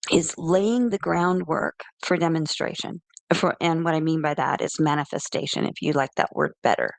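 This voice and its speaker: A woman's voice: fairly low pitch, gravelly, no echo. A middle-aged woman hosting a casual spiritual talk show, chatty and rambling, often correcting herself as she goes. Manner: rambling, self-correcting, friendly. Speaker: host.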